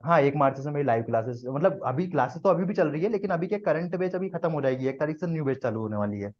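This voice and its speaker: A man's voice: a little high, expressive, quick pace, dull audio. A man teaching a live trading class to students, explaining step by step and often checking that they follow.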